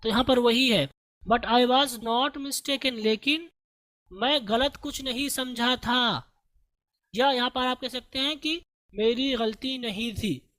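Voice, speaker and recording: An Indian-accented man teaching a class, going through an English text one line at a time. He talks at an unhurried pace and drags out each quoted sentence word by word before he explains it with patience. The recording is dry and close, with no room sound. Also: very high-pitched, pushed and bright, dry recording.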